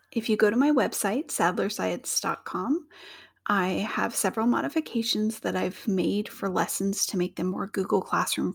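A woman's voice: medium pitch, creaky, slightly rough. A woman co-hosting a teaching podcast from home, talking in a chatty, informal, self-deprecating way. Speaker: podcast co-host, science teacher. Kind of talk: casual solo podcast talk. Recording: uneven home audio, edited.

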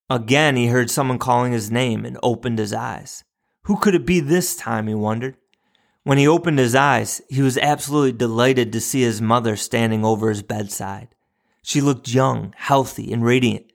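Gravelly man telling a story. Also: medium pitch. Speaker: podcast host for educators. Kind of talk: storytelling narration and podcast outro.

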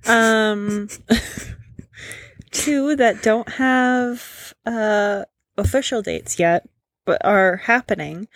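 A woman's voice: mid-range voice, dry recording. A tired woman co-hosting a podcast in casual chat, rambling and self-deprecating, laughing often. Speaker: podcast co-host.

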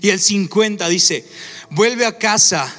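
A man preaching a sermon, animated and acting out characters in quick asides. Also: high-pitched. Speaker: pastor. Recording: echoey hall with faint music. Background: faint music.

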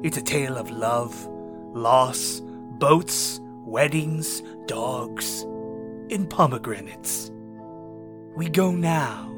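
A man playing a theatrical, mock-sinister male horror radio host who talks in a hammy, drawn-out way. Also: mid-range voice. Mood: ominous. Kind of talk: campy horror radio drama narration. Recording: music playing under the voice.

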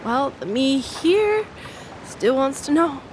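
A woman's voice: sits high, big pitch swings, slow pace, background noise, heavily acted. A woman acting a bitter, bewildered young estranged friend in an audio drama. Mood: bitter, defensive.

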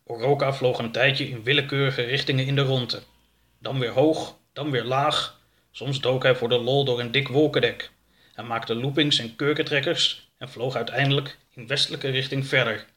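A man reading a children's story aloud as a lively storyteller. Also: medium pitch. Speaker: narrator. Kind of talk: scripted storybook narration.

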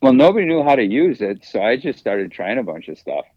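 A man's voice: mid-range voice, sing-song, a little fast, husky, no echo, lo-fi sound. A man, a track coach, telling stories in a casual interview in a laid-back way, with hesitant fillers. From United States.

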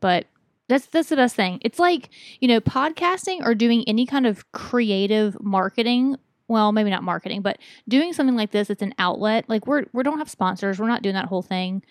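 A woman's voice: fairly high pitch, animated, moderate pace, no echo, clean studio sound. A woman co-hosting a podcast, chatting casually and carrying the talk in long rambling turns. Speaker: podcast co-host. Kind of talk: casual chat.

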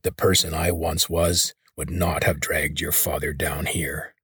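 A man voicing a maimed, weary mutant leader who talks in a hoarse rasp. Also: a bass voice, level tone, measured pace, fairly bright tone, no room sound, studio quality, pitched below the performer's own voice, exaggerated voice. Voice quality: hoarse, rasping.

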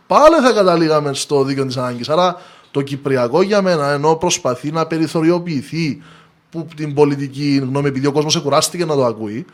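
A man with a Cypriot Greek accent, explaining his opinions as a guest in a podcast discussion. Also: fairly high pitch.

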